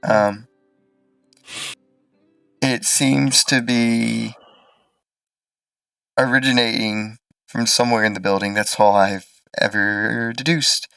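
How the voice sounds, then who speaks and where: Male tabletop game master: hesitant, unhurried, fry-edged, close and dry. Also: medium pitch, steady tone, pushed and bright, dry recording, recorded from a distance, soft background music. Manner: hesitant, halting delivery. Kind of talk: improvised tabletop game narration.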